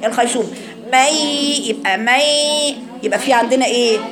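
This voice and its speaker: A woman's voice: sits high, normal speed, reverberant. A woman with an Egyptian accent teaching a class on Quran recitation, asking her students questions and demonstrating sounds. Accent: Egyptian Arabic. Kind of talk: classroom lesson.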